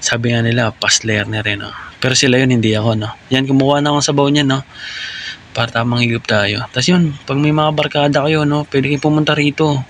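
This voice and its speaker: Chatty Filipino man, gravelly voice-over. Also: mid-range voice, level tone, fairly quick, fairly bright tone, slight background noise. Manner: chatty, rambling, tags lines with "no?"; admits he is still learning voice-over, unsure of his volume. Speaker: vlogger. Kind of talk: casual voice-over narration of a food trip vlog.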